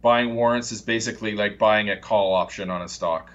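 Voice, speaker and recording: A man on a live investing show, calmly explaining trading ideas step by step with frequent fillers. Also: lowish voice, fairly quick, highs cut off. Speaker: market commentator. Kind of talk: casual explanatory chat.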